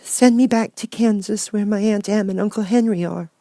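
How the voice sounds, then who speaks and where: A man's voice: high-pitched, normal speed, mellow, no echo, voice pushed up. A man voicing a small, meek young girl in a storybook, timid and earnest in her pleading.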